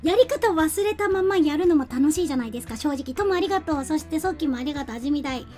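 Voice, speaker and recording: A young woman chats with her viewers in a high, bright voice, laughing often and thanking them by name. She talks at a desk mic while faint music plays behind her. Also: animated, fast talker. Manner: chatty, giggly, reads out and thanks viewers. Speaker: game streamer. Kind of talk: casual live-stream chat.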